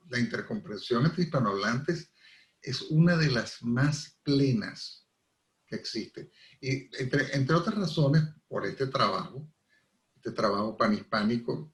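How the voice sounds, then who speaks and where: A middle-aged man with a Venezuelan accent, a language professor explaining things with examples as a radio interview guest. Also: mid-range voice. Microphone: radio studio microphone. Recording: echoey radio studio sound.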